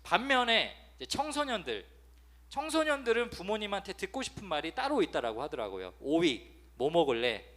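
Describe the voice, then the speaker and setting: A man in his thirties delivers a sermon to a youth congregation, his voice high and bright. His pitch leaps around energetically. He acts out nagging parents with sudden loud bursts. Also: wildly swooping pitch, a little fast. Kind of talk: lively sermon with acted-out quotes.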